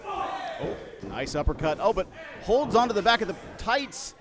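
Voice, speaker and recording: A man co-commentates live wrestling in a somewhat high voice. He talks conversationally, calling moves in short reactive phrases. A loud crowd and clear event noise fill the background. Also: very animated, normal speed.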